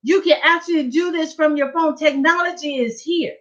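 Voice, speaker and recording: A woman with a fairly high voice tells her testimony at a church prayer service, acting out her own excitement as she goes. Her storytelling is lively and lively-paced. The sound comes through a dull, lo-fi church livestream. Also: moderate pace. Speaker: church speaker giving a testimony.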